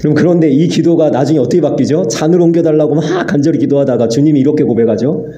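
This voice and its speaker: A man's voice: on the high side, quick pace, mellow. A man preaching an earnest sermon as pastor, acting out prayers and God's replies. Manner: earnest, acts out dialogue with God. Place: church sanctuary. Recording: echoey church hall.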